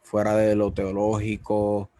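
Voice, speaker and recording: A man hosting an interview, speaking in a confessional, emotional way about his faith with drawn-out pauses. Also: lowish voice, completely flat delivery, warm tone, dry recording. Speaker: interviewer, host. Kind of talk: personal faith conversation.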